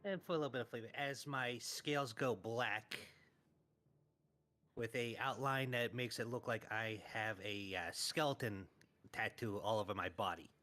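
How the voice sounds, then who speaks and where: Male tabletop player, bright tense tone, casual. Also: medium pitch, normal speed. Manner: casual, thinks aloud over the rules.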